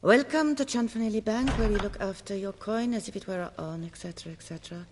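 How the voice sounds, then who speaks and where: A woman's voice: medium pitch, quick pace, background noise, lightly acted. Woman playing a haughty bank clerk in echoing hall. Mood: bored officiousness. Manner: prim, condescending politeness. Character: haughty, unhelpful female bank clerk, bored and officious. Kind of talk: scripted video game dialogue. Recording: long reverberant hall.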